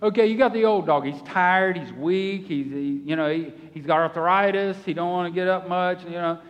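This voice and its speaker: Male pastor, high voice, folksy animated sermon, long church reverb. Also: normal speed, lo-fi sound.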